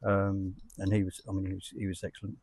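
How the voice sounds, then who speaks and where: A man's voice: low voice, monotone, quick pace, a little mellow, husky. A man giving a casual guided tour and answering questions in a hesitant, understated way. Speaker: football club representative, tour guide.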